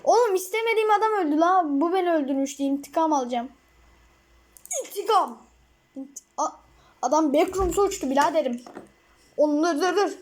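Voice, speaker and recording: A woman giving casual gameplay commentary, excitable and rambling, with frequent outbursts. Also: very high voice, brisk, pauses often. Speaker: mobile gamer.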